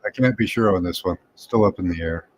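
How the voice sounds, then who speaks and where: A man giving unhurried, tentative commentary over images, thinking aloud with pauses and hums. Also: deep voice, a little mellow, no room sound. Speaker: remote viewing presenter.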